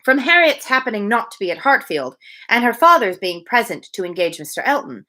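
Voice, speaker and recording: On a livestream, a woman reads a novel aloud in a slightly high, somewhat quick voice. She keeps breaking into playful, casual commentary, animated throughout.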